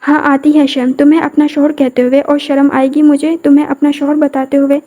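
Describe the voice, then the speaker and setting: A sharp-tongued young bride snaps back at her forceful husband, read by a woman narrator. The voice is high and mellow, the delivery indignant and retorting. It is an audio novel reading. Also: little pitch movement, close to an everyday voice.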